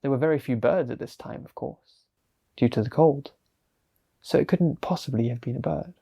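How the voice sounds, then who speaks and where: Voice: medium pitch, moderate pace, creaky, mellow, slightly rough. A storyteller narrating a fantasy tale in a chatty way, with frequent asides to the listener.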